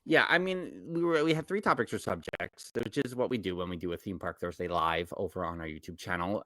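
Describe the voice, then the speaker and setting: Podcast co-host: middle-aged man, New York accent, rambling and self-correcting, low-pitched, dry close sound. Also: a bit bright, dry recording. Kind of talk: casual podcast chat.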